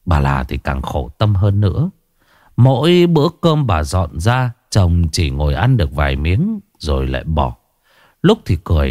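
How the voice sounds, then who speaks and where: A man's voice: lowish voice, a little mellow, dry recording, clean studio sound. A man narrating a ghost story in a dramatic storytelling manner.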